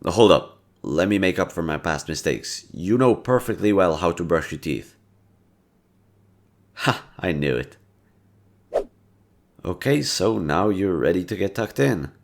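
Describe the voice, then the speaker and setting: Deep, gravelly, and exaggerated, this man's voice is expressive and measured, with frequent pauses. In a roleplay audio he takes on a kind, teasing young guy who's easily flustered, addressing the listener directly in a caring, gentle way. He keeps it playful and slangy, muttering asides as he goes.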